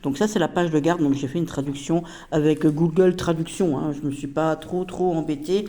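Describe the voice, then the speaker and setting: A woman's voice: deep voice, fairly even intonation, normal speed, warm tone, slight background noise. A woman casually reviewing a tarot deck, chatty and hesitant with many fillers.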